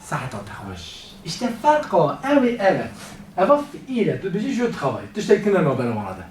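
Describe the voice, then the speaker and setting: A man giving an informal French lesson, repeating phrases slowly and mixing in Persian. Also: high-pitched, huge pitch swings. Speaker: French teacher. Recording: roomy, distant mic with faint noise.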